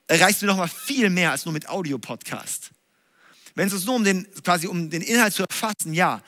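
A male preacher giving an energetic, livestreamed lesson on preaching from a stage, often checking in with tag questions. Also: high voice, in a large hall. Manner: energetic, emphatic, asks listeners tag questions. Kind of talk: livestreamed teaching talk. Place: stage in a church hall.

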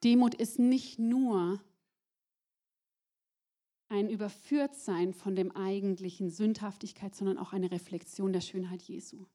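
A woman's voice: mid-range voice, measured pace. A young woman preaching a sermon, talking straight to her listeners and dropping to a whisper for emphasis. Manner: animated, addresses the audience directly, drops to whispers for emphasis.

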